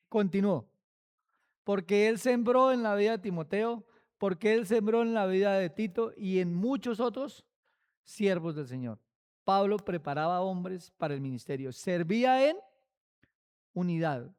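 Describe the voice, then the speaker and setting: A man with a high, smooth, ringing voice preaches a Bible study sermon. He asks one rhetorical question after another. His delivery is slow and emphatic.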